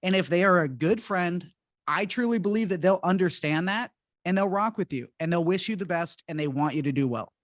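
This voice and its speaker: Male podcast host, high-pitched, frank, conversational, dry close sound. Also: a little fast, dry recording. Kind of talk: casual interview talk.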